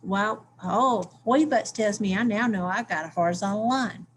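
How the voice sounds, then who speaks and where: A woman's voice: medium pitch, moderate pace, a little hiss or hum. A woman teacher, walking through math steps aloud in a recorded lesson and checking in with "okay?".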